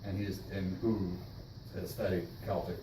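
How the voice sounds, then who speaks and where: A man leading a casual church class discussion, thoughtful and halting, with many restarts. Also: low-pitched, level tone. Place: church meeting room. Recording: echoey room, distant mic, noisy.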